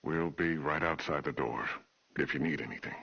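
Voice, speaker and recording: An actor playing an earnest, anxious American police detective in a taped interview for a game. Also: male voice, extremely low pitch, moderate pace, creaky, slightly rough, heavily acted. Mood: wary, reluctant. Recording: dull, muffled old tape recording.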